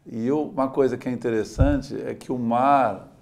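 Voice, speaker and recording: With slight background noise, a man from Santos, Brazil speaks in a mid-range, gravelly, slightly mellow voice, steady in tone and moderate in pace. A sailor and adventurer, he reflects and tells stories in a relaxed interview, with small laughs and "né?".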